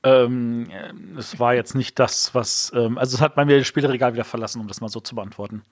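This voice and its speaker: A man's voice: medium pitch, fairly even intonation, brisk, dry recording, studio quality. A man co-hosting a board game podcast, reviewing games in a casual, rambling way with many fillers.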